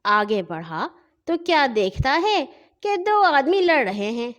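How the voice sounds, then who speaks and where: A woman narrates a funny children's story in an expressive, animated way. Her voice is fairly high and swings widely in pitch.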